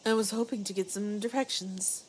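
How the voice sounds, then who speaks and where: A woman voicing a polite, formal young woman as she reads game dialogue aloud, with a courteous, measured manner. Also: medium pitch, fairly even intonation, a little mellow, a little hiss or hum, voice pushed down, lightly acted.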